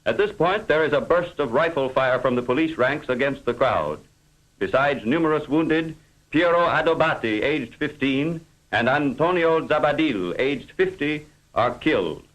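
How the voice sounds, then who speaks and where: Man narrating an old newsreel, higher-pitched voice. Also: expressive, normal speed, a bit bright, poor audio. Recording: old newsreel film soundtrack.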